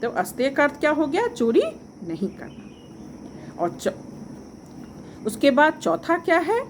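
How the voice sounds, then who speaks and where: A high-voiced woman teaching an online class, her pitch rising and falling as she quizzes pupils and repeats each point. She speaks slowly and carefully. Faint background noise sits under the recording. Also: very animated.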